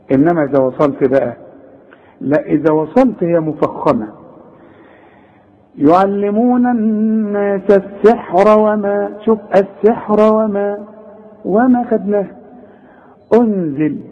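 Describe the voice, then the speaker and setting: A man with an Egyptian accent teaching Quran recitation rules, quizzing the student and slowly modelling each word. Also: fairly high pitch, husky, dull audio. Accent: Egyptian Arabic. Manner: animated, demonstrates recitation slowly, questions the student. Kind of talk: tajweed lesson.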